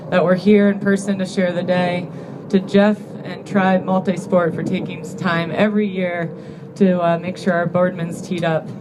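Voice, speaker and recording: A woman's voice: fairly low pitch, noisy background. Teary, grateful woman giving a thank-you speech. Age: 30s. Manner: earnest, grateful, gets teary and halting. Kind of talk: emotional acceptance speech. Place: banquet hall with an audience.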